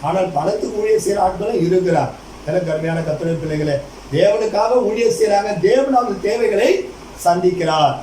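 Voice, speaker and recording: Male pastor, fervent sermon delivery with a very high, mellow voice, recorded from a distance in a roomy space. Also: a little fast, slight background noise.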